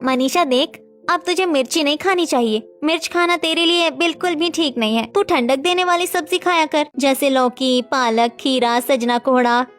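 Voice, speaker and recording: Lady doing a sweet young neighbor girl in a cartoon, really high squeaky voice, fussing over her friend with gentle advice. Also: moderate pace, faint music behind, close to an everyday voice. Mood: concerned. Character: caring young woman neighbor giving advice. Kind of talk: cartoon story voice acting.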